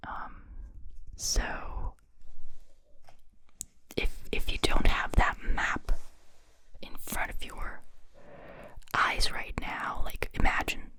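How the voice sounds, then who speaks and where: A woman's voice: extremely slow, pauses often, sharp tone. Whispering European woman, ASMR up close. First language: not English. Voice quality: breathy, unvoiced whisper. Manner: chatty, rambling, self-interrupting. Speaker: ASMR host. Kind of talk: whispered ASMR, reading and commenting on facts. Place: small indoor room set up as a studio. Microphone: pair of close studio condenser microphones.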